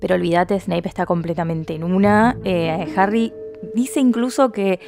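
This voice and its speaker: Woman, casual podcast chat, animated, slangy, laughs a lot, faint music underneath. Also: lowish voice, normal speed, vocal fry. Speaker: podcast co-host. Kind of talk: casual chat recapping a book.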